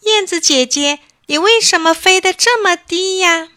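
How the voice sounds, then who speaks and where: A woman voicing a small, eager young male rabbit in a children's story, asking questions in a high, chirpy voice. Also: big pitch swings, slow pace, pushed and bright, exaggerated voice. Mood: curious.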